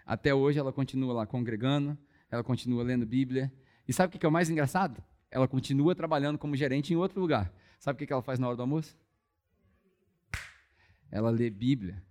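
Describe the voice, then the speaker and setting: Man, young adult, testimony sermon, rapid, lively storytelling. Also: mid-range voice. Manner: lively storytelling, acts out dialogue. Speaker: preacher.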